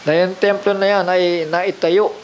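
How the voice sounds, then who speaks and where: A man's voice: sits high, little pitch movement, moderate pace, a little hiss or hum, low-quality recording. A man preaching a sermon, mixing in English phrases and often asking the congregation rhetorical questions.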